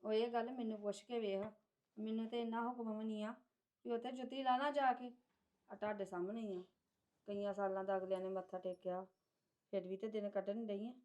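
A woman playing a relative who calms a quarrel and offers steady advice. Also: medium pitch, brisk, close to an everyday voice. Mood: soothing. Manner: soothing, advising. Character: calm peacemaking female relative. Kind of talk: family short-film acting.

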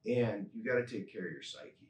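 A man in his fifties, a chiropractor being interviewed, speaking calmly and earnestly in an office. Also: lowish voice, a little fast, a little hiss or hum. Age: 50s. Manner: calm, earnest, repeats phrases for emphasis. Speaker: chiropractor guest. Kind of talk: reflective interview talk. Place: office with a desk and a skeleton model. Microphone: desk microphone on a stand. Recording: roomy office sound, mic a bit distant.

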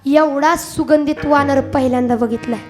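A woman's voice: sits high, steady tone, normal speed, music in the background, close to an everyday voice. A woman telling of a coaxing demon giant Kumbhakarna. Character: mighty male demon giant, wheedling then menacing.

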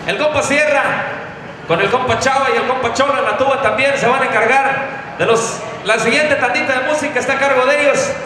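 High-voiced emcee in an echoey hall. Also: male voice, brisk, crowd noise. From Tierra Caliente, Mexico. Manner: loose, joking and thankful. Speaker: event emcee. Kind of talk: live stage announcing. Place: large indoor event hall with a stage. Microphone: handheld stage mic. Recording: echoey hall over live music.

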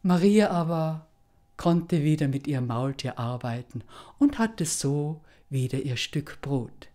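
A woman telling a folk tale aloud in a deliberate, dramatic way with pauses. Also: low voice, animated, dark tone. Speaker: storyteller.

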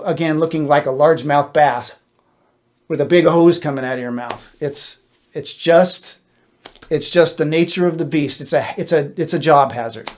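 This middle-aged American working guitarist talks to camera with casual, wry, self-deprecating instruction from a small home studio, close to a stand-mounted dynamic mic. He speaks on the high side, with a darkish tone.

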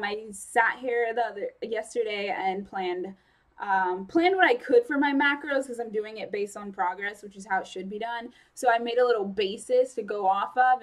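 A young woman vlogging casually about her training, talking fast and chatty with lots of fillers and self-corrections. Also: on the high side. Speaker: fitness vlogger. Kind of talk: casual vlog chat.

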